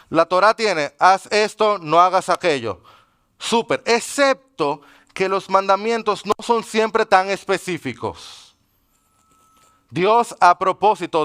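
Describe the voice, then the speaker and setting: Man preaching, high clear voice. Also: a bit bright. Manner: teaching with questions to the congregation. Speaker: pastor. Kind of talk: sermon. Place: church.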